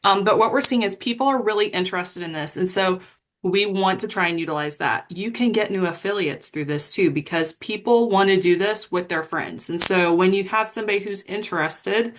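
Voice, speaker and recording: A woman's voice: medium pitch, brisk, slight background noise. Woman, team leader, casual motivational pep talk on a video call, rambling and self-deprecating.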